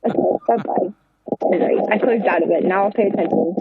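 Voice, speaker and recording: A woman's voice: medium pitch, fairly quick, husky, no room sound. A woman on a voice call whose audio is muffled and underwater-sounding, as if she were talking inside a fishbowl, chatting in a distracted way. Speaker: tabletop game player. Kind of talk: casual chat on a voice call. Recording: dull lo-fi online voice call.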